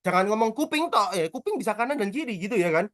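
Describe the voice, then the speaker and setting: A man's voice: sits high, dry recording, clean studio sound. A middle-aged man, a church prayer trainer teaching the Bible in a casual, talkative and joking way. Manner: talkative, quick and animated, with self-mocking humor.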